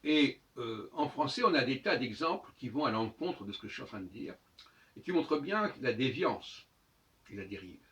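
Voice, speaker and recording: A lecturer on language and astrology delivers a spoken monologue lesson, sounding out words by repeating them again and again. His medium-pitched, slightly bright voice has a sing-song lilt at a moderate pace. The audio is dull, captured by a distant mic.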